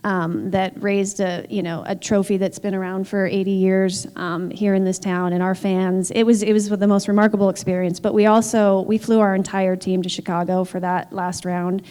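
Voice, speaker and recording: A woman's voice: medium pitch, level tone, normal speed, few pauses, warm tone, smooth. A woman team executive speaking candidly and emphatically on a panel, with frequent filler words. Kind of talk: panel discussion. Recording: long hall reverb.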